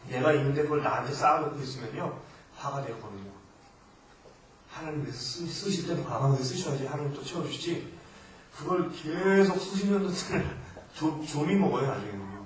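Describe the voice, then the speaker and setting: A male missionary preaching a sermon in Korean to a congregation, alternating loud emphatic exhortation with quieter asides. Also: on the high side, expressive, fairly quick. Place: church sanctuary. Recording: echoey church hall from far off, faint noise.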